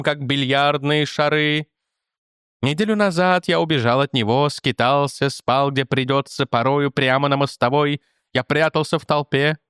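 A man's voice: on the high side, a bit bright, clear, resonant tone, no echo, studio quality, close to an everyday voice. A man voicing a timid male court jester who pleads in a flowery, tearful way. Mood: frightened.

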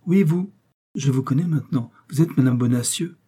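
Brief: deceitful noblewoman, dark and breathy tone, storybook reading, voiced by a man. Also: mid-range voice, moderate pace, natural voice. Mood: vehement. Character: scheming, deceitful noblewoman, cool and calculating.

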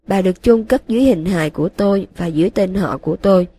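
Woman reading young male dark wizard, broken, flat monotone, husky, audiobook. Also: medium pitch, fast, no room sound, lightly acted.

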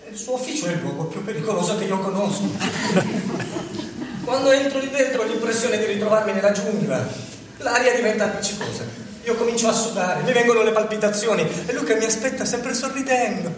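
A bitter, fawning office worker who spirals into sarcastic rants and bitter laughs, his voice pitched very high. The stage sound is cavernous and heard from a distance, with music underneath. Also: animated, brisk, a little hiss or hum. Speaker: stage actor. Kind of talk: theatre play broadcast on radio.

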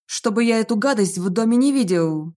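A woman's voice: on the high side, animated, brisk, darkish tone, lightly acted. A woman voicing a stern middle-aged male academy rector scolding his daughter, exasperated.

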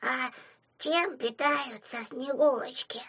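Chubby little boy house sprite, soft and drawn-out, woman reader. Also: high voice, pitched above the performer's own voice, full character voice. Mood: wondering.

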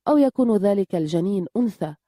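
A woman narrating an audiobook in a calm, measured reading. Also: medium pitch, dry recording, clean studio sound.

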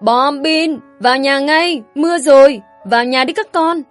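A woman's voice: high-pitched, a little slow, soft background music, voice pushed up. A woman voicing another woman who calls the children in from inside a house. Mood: calling out. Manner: calling out loudly.

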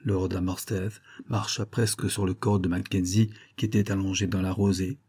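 A man narrating a novel in the first person, steady and measured. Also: low-pitched, breathy edge. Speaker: audiobook narrator.

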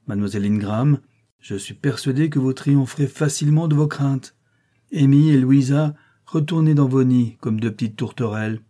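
A man reading a storybook, voicing a brusque, commanding gentleman who orders his guests about in a raised voice. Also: medium pitch, fairly even intonation, a little fast, lightly acted. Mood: forceful. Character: commanding gentleman master of a manor.

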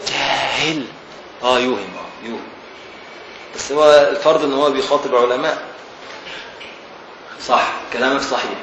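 A man's voice: medium pitch, normal speed, long pauses. A man with an Egyptian Arabic accent teaching a classical legal text to a class, questioning and teasing his students as he explains. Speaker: teacher of Islamic law texts. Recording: very echoey, distant from the mic, faint hiss.

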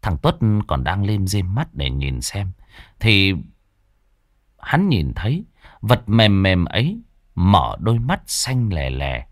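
Man narrating a ghost story, lively pitch. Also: takes it slowly, dry recording, studio quality.

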